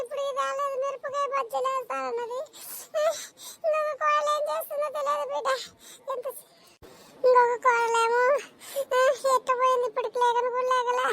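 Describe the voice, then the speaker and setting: A woman's voice: very high-pitched, a bit bright, slight background noise. A woman voicing a whiny, self-pitying old village mother-in-law in a cartoon, who wails her complaints through sobs. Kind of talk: cartoon voice acting.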